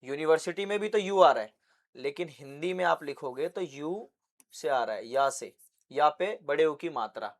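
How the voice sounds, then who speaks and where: A young man teaching English basics with a Hindi accent, asking questions and answering them himself. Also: on the high side. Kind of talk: classroom lesson.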